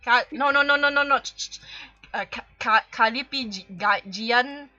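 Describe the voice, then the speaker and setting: A livestream host with a Singaporean accent playfully reads fan fiction aloud, often breaking into giggles and laughing mid-sentence. Her voice is a little high and sharp in tone, unhurried, and the sound is lo-fi.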